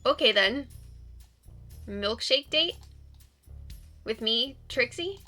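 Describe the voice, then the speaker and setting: Woman voicing a bright, high-pitched cheerful young woman. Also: expressive, takes it slowly, soft background music, full character voice. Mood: playful, reassuring. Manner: perky, encouraging.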